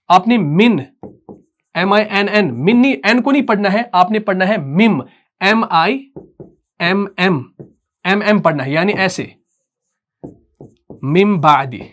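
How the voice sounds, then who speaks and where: A man teaching Quran recitation. He talks patiently and repeats himself, slows down to dictate terms, and keeps asking whether the point is clear. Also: high voice, a bit bright. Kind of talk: dictated classroom lesson.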